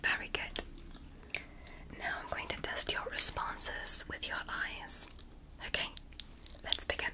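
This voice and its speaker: Using her natural voice, a woman takes on the role of a calm, clinical female alien doctor for a whispered ASMR piece. The tone is soothing, with soft reassurance and carefully measured, precise instructions.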